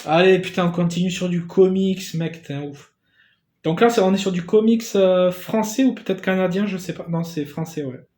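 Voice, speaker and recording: A man in a casual unboxing vlog who gets excitable, swears casually and thanks the sender again and again. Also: sits high, moderate pace, reverberant. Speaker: YouTuber opening a gift parcel.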